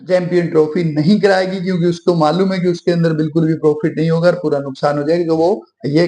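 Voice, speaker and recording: A man's voice: sits high, a little mellow. Chatty male news-channel host, echoey room. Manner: casual, chatty, addresses viewers as brothers. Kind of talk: commentary on news clips.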